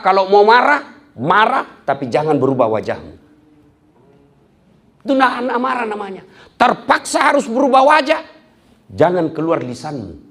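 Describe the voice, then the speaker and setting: A middle-aged man, giving a humorous sermon that swings from loud to soft. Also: mid-range voice. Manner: lively, acts out quarrels in a raised voice, swings from loud to soft. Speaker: preacher.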